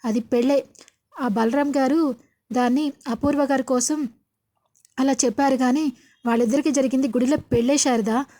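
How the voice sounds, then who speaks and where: A woman reading the lines of a reassuring middle-aged husband in a serial retelling, firm and steady. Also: sits high, moderate pace, pauses often.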